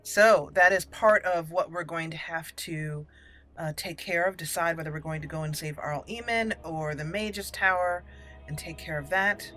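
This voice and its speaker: Her voice sits low with a sharp tone, and she talks at a moderate pace. As a gaming channel host and player, she runs a roleplaying let's play, voicing characters and commenting on her play over game music.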